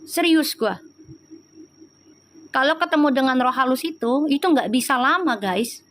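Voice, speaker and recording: A woman with a Betawi Jakarta accent talks in a high, bright register as she streams live as a tarot reader. She chats in a loose, slangy way and calls out to viewers by name. A faint hiss of noise sits under her voice. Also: lively intonation, fairly quick. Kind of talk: casual live-stream chat.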